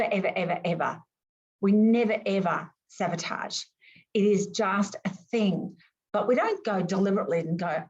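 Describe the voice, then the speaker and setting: A woman who grew up speaking Greek and Arabic teaches an online class over a video call, lively and emphatic, full of rhetorical questions. Her voice is mid-range, and the recording sounds muffled.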